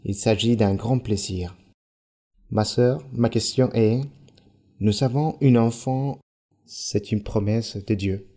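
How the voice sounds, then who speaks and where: A man in the congregation asks his questions slowly and respectfully. His voice is mellow and dark, and he pauses with small fillers. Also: lowish voice. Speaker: church member asking a question.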